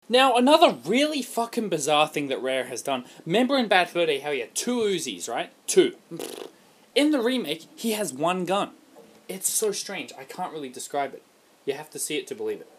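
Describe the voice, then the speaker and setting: Australian male game reviewer, husky and fairly high voice, ranting and profane. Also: fairly bright tone. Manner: ranting, profane, emphatic outbursts. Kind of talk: casual game review over gameplay.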